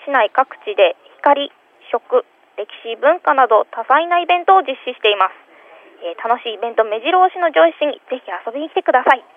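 High, cute anime-girl voice over the phone. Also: lively intonation, a little fast. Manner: polite. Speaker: phone-in correspondent from a city tourism office. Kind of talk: prepared event report in a radio phone interview. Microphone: telephone. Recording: tinny telephone line on radio.

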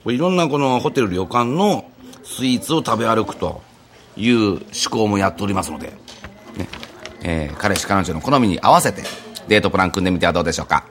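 A man's voice: on the low side, animated, fast, fairly bright tone. A man presenting and interviewing as a radio host in a chatty, polite, lightly joking way. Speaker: radio show host and reporter.

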